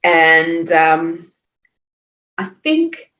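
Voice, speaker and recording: She's a yoga teacher from Hungary, in her forties, thinking aloud in English during a podcast interview, full of pauses, fillers, and restarts. Her voice sits on the low side with big pitch swings and a pushed, bright quality, heard through echoey, muffled remote audio.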